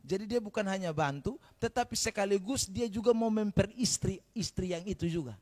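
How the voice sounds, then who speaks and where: A man preaching a sermon as pastor, calling out to the congregation often and swinging from quiet asides to loud emphasis. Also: sits high, a little fast.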